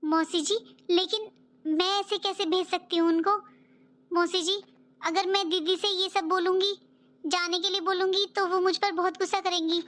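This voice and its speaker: A woman's voice: extremely high pitch, fairly even intonation, moderate pace, a bit bright. A woman voicing a dutiful young daughter-in-law in a cartoon who speaks politely and hesitantly. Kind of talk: cartoon voice acting.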